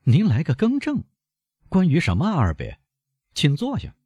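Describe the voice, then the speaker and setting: A man's voice: a little high, huge pitch swings, moderate pace, dark tone, husky, no room sound, voice pushed up, heavily acted. A man reading an audiobook, voicing a genial, talkative male newspaper journalist. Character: affable male newspaper journalist, amiable then proud. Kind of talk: audiobook character voice.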